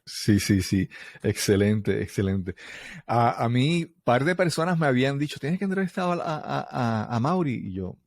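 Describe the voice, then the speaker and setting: Casting: male podcast host, mid-pitched, easygoing and chuckling, dry close mic. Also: expressive, dry recording. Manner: friendly, chuckles often, halting with restarts. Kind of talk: casual interview chat.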